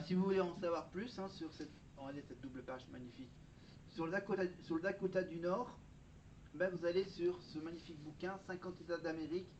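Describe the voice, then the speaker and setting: A man talking casually in a vlog, sharing trivia and often correcting himself as he goes. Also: high-pitched. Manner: chatty, self-correcting, presents trivia. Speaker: vlogger. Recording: dull lo-fi sound with faint background noise.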